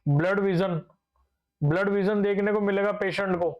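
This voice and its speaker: A man's voice: sits high, steady tone, moderate pace, lo-fi sound. A young man teaching a nursing class, asking his own questions and answering them, repeating key terms and mixing in English medical words. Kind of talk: classroom lecture.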